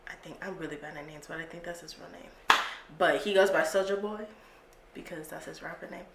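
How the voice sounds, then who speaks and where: A young woman beauty vlogger chats casually in a lowish, creaky voice at a brisk pace. She's chatty, giggles easily, and drawls slang, in an echoey room with faint noise.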